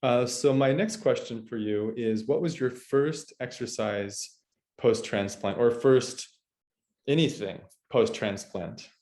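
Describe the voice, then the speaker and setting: A man's voice: medium pitch, slow, a little mellow. A man hosting a casual interview over a video call, upbeat and chatty with some restarts. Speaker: host.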